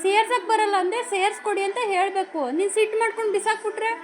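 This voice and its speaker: A woman's voice: extremely high pitch, little pitch movement, racing, over loud music. A woman, a mother, scolding her daughter in a home vlog with insistent, repeated questions.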